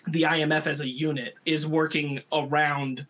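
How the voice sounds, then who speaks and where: Husky-voiced man rambling about films. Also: a little high, flat delivery, moderate pace, fairly bright tone. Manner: rambling, many restarts and fillers. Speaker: podcast co-host. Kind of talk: casual film review chat.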